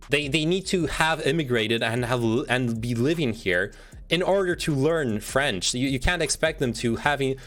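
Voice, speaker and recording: The voice is male, medium in pitch, and fairly bright. He chats casually on a livestream, swearing as he reads quiz statements and reacts to them, often rambling and beginning sentences again.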